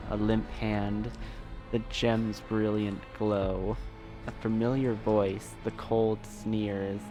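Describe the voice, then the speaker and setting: A man's voice: fairly low pitch, darkish tone. A man streaming a story game, reading narration aloud and reacting with swearing and laughter. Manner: laughing, swearing, exaggerated outbursts.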